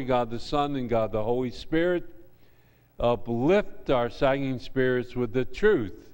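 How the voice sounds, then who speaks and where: An older man prays from the pulpit at an unhurried, deliberate pace, his voice smooth and clear. The sound carries the long reverb of a large church sanctuary, picked up by a pulpit microphone. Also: mid-range voice, a little mellow. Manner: slow, measured, reverent delivery. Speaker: pastor. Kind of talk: pulpit prayer and worship leading.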